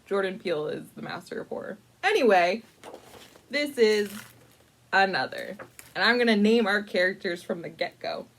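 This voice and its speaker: Hosting a library storytime, a woman reads a picture book in a chatty, informal way. Her medium-pitched voice is animated, with playful, dramatic emphasis and words stretched out for effect.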